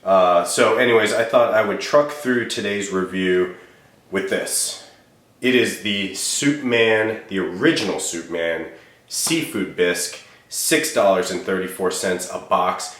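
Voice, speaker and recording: A man's voice: lowish voice, a little slow, a bit bright, echoey room. A man with a cold and a congested voice, hosting a casual food review in a chatty, self-deprecating way. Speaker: host.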